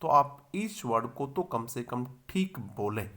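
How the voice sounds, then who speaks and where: A man teaching English pronunciation in a video lesson. He spells words letter by letter, sounds them out slowly and repeats them, and asks the viewer questions that he then answers himself. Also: medium pitch, animated, bright, forceful tone.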